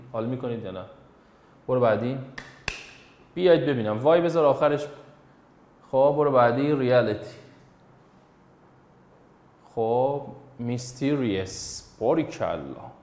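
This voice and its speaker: A male English teacher working through a lesson conducted in Persian encourages and questions students by name. There's a roomy echo around his medium-pitched, darkish voice.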